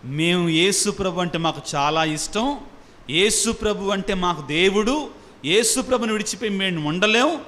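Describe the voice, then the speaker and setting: This sermon comes from a priest whose voice is high, bright and ringing; his intonation is lively and his pace moderate. He keeps questioning the congregation call-and-response style, mixing English phrases into his speech, while a long hall reverb swallows his trailing words.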